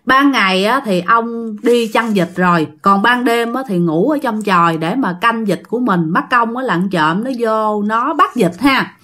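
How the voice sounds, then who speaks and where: A woman with a Southern Vietnamese accent tells a ghost story in a loose, chatty way. She speaks straight to her listeners and sprinkles in plenty of fillers, her voice sitting a little high. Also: animated, normal speed, hardly any pauses, sharp tone. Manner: chatty, addresses listeners directly, many fillers. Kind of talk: casual spoken ghost story.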